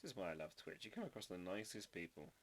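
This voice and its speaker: A man's voice: low-pitched, very animated, fast talker. A man hosting a live drawing stream, chatting casually and playfully while trying out foreign words. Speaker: livestream artist host.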